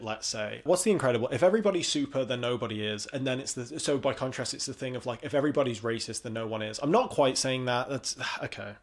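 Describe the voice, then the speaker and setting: A young man hosting a casual commentary, talking in a rambling, sarcastic way and swearing freely. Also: mid-range voice. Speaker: commentary host.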